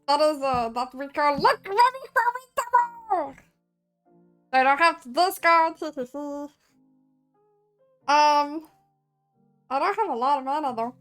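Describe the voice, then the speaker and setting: A player putting on a squeaky goblin voice while taking a turn in a card game, giggly and sing-song. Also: pushed and bright, full character voice. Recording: faint background music.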